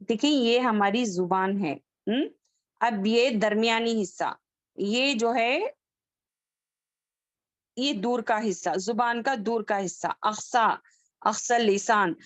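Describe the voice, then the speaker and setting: Patient woman teacher, high voice, slow and deliberate, leads students through letter drills in an online class. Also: no echo. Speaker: Quran recitation teacher. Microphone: video call.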